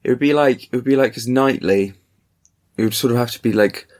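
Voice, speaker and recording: A man's voice: medium pitch, brisk, a little mellow. A man co-hosting a podcast in casual, rambling, dryly joking chat, recorded in the attic of a house. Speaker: podcast co-host. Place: attic room of a family house.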